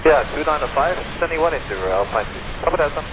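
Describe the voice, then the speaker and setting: A man's voice: on the high side, expressive, quick pace. A man speaking as a pilot, giving clipped readbacks over aviation radio. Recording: noisy cockpit radio transmission.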